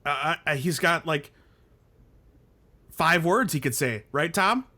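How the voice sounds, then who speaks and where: A man hosting a casual wrestling podcast, ranting in an animated way and laughing often. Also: a little high, slow pace. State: hiccuping. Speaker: podcast host.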